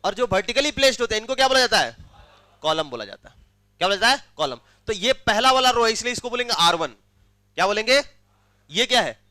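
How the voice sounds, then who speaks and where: Male maths teacher, high and bright, dry close sound, drills students with repeated questions. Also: big pitch swings, quick pace, no room sound. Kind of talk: classroom maths lecture.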